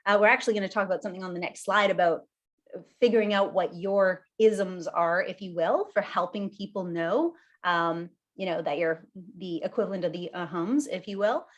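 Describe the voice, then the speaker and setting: A woman giving a live online workshop over a video call, talking in a lively, conversational way while standing. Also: fairly low pitch, normal speed, lo-fi sound. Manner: lively and conversational, laughs often; talks while standing and gesturing. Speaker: workshop presenter.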